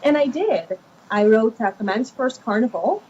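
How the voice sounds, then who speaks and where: Guyanese-born woman author chatting away, fillers everywhere, higher voice, kinda muffled. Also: moderate pace. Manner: animated storyteller, many fillers. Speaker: children's author. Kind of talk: conversational interview. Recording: muffled lo-fi with faint noise.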